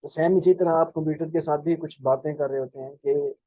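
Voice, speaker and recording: Guy teaching coding on a call, flat, mellow voice, pretty dull lo-fi sound, dry. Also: on the high side, no echo. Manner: unhurried explaining with many fillers and restarts. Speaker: programming instructor. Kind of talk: live online lecture.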